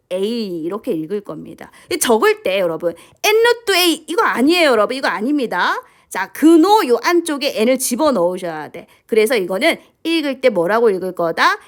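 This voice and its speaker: Woman, math teacher, lecturing, frequent questions, lively intonation, slightly high voice. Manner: lively, keeps asking questions and prompting with "자". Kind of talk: lecture to students.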